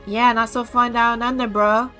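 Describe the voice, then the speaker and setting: A woman's voice: a little high, little pitch movement, moderate pace, fairly bright tone, soft background music. A woman streamer giving snarky, dismissive running commentary on a games showcase. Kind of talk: casual mocking commentary.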